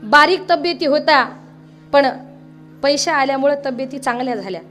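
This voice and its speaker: A woman giving a devotional kirtan, telling a story in a lively way and breaking into sung verses. Her voice sits high, and a faint instrument plays behind her. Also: moderate pace, soft background music. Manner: animated storytelling, rising into song. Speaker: kirtan preacher.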